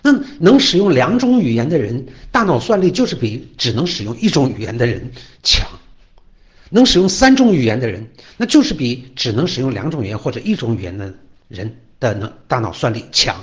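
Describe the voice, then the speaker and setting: A man speaking enthusiastically in a casual talk, often checking with the listener by asking "right?". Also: medium pitch.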